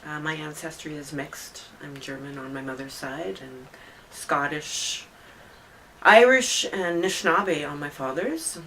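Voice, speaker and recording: Woman filmmaker talking slow and thoughtful, mic kinda far, bit of hiss. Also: deep voice, pushed and bright. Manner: reflective, with pauses and fillers. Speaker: filmmaker interviewee. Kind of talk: interview answers. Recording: distant mic with faint noise.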